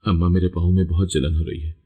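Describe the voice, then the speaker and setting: A man's voice: low-pitched, level tone, quick pace, phone-quality sound. A man voicing a frightened young daughter, read plainly in a storybook reading. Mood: tearful pleading. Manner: plainly read in the narrator's own voice.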